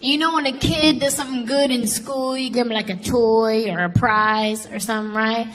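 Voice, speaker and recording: A young woman performing a stand-up comedy set, telling stories in an animated way and shouting out voices. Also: on the high side, normal speed, low-quality recording. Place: comedy stage before a laughing audience. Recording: live stage audio with crowd noise.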